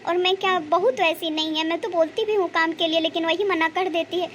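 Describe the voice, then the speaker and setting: A high, bright-pitched woman playing a pious, sentimental mother-in-law in a cartoon story. She prays aloud and lavishes praise on her daughter-in-law. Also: a little fast, a little hiss or hum. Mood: upset. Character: emotional older Indian mother-in-law, pious and doting.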